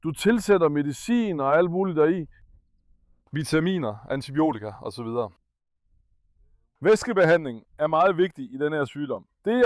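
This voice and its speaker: Young adult male vlogger, earnest and coaxing; a somewhat high voice, dry recording. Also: dry recording. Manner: gentle and coaxing with the dog, earnest when addressing viewers. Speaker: animal caretaker and channel host. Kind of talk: casual vlog explaining care of a sick puppy.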